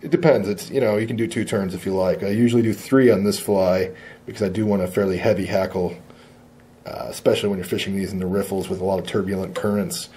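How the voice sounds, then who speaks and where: A man demonstrating fly tying at a shop bench. He talks in a relaxed, plain-spoken way and often says uh. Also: low-pitched, fast.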